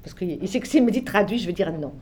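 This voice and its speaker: A little hiss or hum sits under the voice of an older woman from Egypt, who talks fast and animatedly about her life translating literature. Raised natively in Arabic and French, she has a dark, mellow, medium-pitched voice. She reflects in a relaxed way, circling back, repeating, restarting frequently and letting phrases trail softly.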